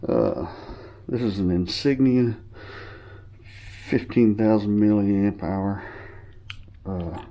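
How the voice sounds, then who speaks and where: A man with a fairly low, warm voice talks slowly, leaving long pauses. He's a hobbyist giving a loose, rambling show-and-tell of his equipment, sniffling a little from a cold and correcting himself, with fillers throughout.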